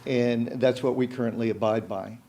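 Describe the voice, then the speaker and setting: A man speaking off the cuff at a city commission meeting, halting and filling pauses with "uh" as he pitches a collaborative plan. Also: fairly even intonation, mellow, a little hiss or hum. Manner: halting, many fillers and restarts. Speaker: club representative at public meeting. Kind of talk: unscripted public comment.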